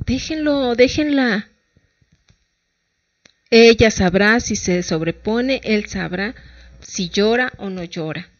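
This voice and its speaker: A woman's voice: mid-range voice, slow pace, no room sound, dull audio. A middle-aged woman psychologist with a Mexican Spanish accent, giving colloquial advice and asking her listeners rhetorical questions. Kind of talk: talk-show advice talk.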